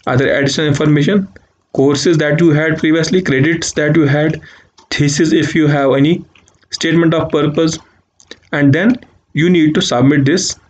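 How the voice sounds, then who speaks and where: A man's voice: on the high side, steady tone, moderate pace. A man hosting a channel, talking viewers through a screen-recorded walkthrough step by step, repeating short click-by-click instructions. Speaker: channel host. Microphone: voice-over over screen capture.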